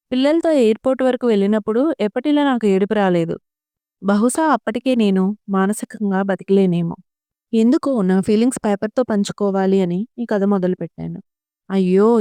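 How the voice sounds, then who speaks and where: A woman reading a heartfelt family story aloud in the first person, in a calm and steady storytelling manner. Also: mid-range voice, clear, resonant tone, no room sound. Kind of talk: scripted first-person audio story narration.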